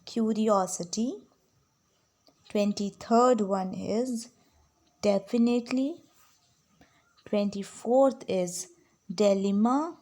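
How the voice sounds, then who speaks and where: A woman tutor runs a spelling lesson at a slow, unhurried pace. She dictates each word clearly and then spells it out letter by letter. Her explanations switch between English and Hindi. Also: mid-range voice, a little mellow. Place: home room with some background sounds.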